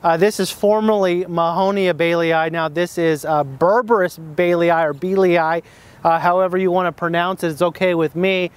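A man's voice: sits high, steady tone, moderate pace, hardly any pauses, clean tone. A man hosting a plant identification lesson outdoors, talking off the cuff with many fillers and restarts.

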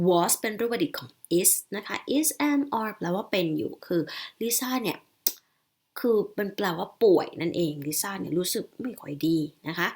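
Thai woman teaching slow English reading. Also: mid-range voice. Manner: slow, careful read-aloud with frequent Thai explanations. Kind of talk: reading a story slowly, then explaining in Thai.

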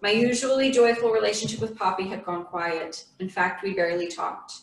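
A woman reading a memoir aloud in a church, in a measured, earnest storytelling voice. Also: medium pitch. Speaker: memoir reader. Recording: echoey room from a distant mic.

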